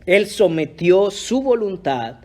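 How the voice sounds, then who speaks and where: A man's voice: high-pitched, very animated, slow pace, mellow. A pastor preaching a sermon in an earnest, emphatic way, often addressing his listeners as brothers. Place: church.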